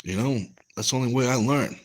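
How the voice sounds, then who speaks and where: Against a noisy background, a young American man from the US West Coast hosts a casual livestream at a quick pace and medium pitch. He reads chat and rambles through stories, restarting often and leaning on fillers.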